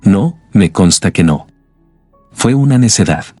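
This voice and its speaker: A man's voice: on the low side, expressive, unhurried, slightly rough, no echo, soft background music. Man voicing a scarred, weary returning man. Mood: rueful. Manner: quiet, rueful.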